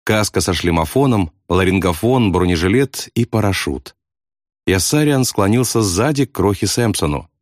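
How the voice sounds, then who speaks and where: A man's voice: on the low side, normal speed, dry recording, studio quality. A man reading a novel aloud as audiobook narration, telling it expressively. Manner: expressive storytelling.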